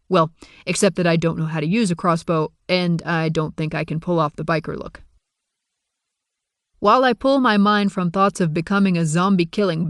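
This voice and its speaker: A man's voice: high voice, clear, resonant tone, no echo. Wry first-person audiobook narrator, man, dry close mic.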